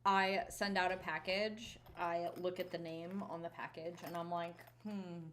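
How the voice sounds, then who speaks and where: A woman's voice: lowish voice, level tone, normal speed, a bit bright, a little hiss or hum. A woman co-hosting a livestream, casually chatting and thanking viewers. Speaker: livestream co-host.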